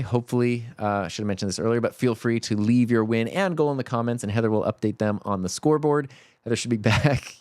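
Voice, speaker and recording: A man's voice: mid-range voice, dry recording. A man hosting a livestream, chatting casually and a bit rambly, with plenty of fillers. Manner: relaxed, rambling, talks with many fillers. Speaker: stand-in livestream host.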